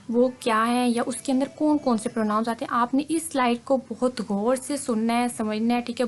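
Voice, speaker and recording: A woman's voice: on the high side, a little hiss or hum. A woman explaining English grammar over slides in a patient, step-by-step lesson, mixing English words into her talk. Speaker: English teacher.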